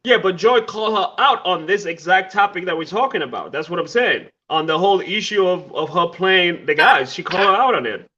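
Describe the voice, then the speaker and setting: A man's voice: high voice, lively intonation, a little fast, few pauses, pushed and bright, muffled recording. A man co-hosting a casual podcast, arguing his side with insistence and some teasing. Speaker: podcast co-host. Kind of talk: casual debate chat.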